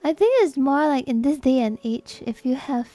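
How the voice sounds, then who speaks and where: Young woman streamer, off-the-cuff chat with viewers, candid and profane, laughs easily, slightly high voice. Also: expressive, moderate pace, mellow, no echo, faint music behind. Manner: candid, laughs often, swears casually.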